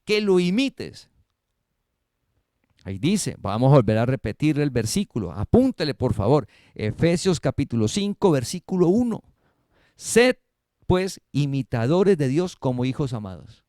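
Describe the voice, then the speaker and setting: A pastor with a slightly high voice preaches a sermon at a church service streamed online, swinging between loud and soft. He poses rhetorical questions to the congregation and answers them himself, and the audio is clean studio sound with no room ambience.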